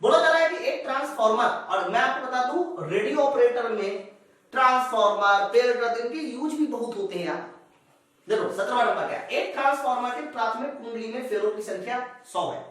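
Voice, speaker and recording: A man with a very high, slightly bright voice teaches an exam class at a brisk pace, working through physics problems live. He talks to the students directly, posing questions and answering them himself. The mic is distant and the room is very echoey.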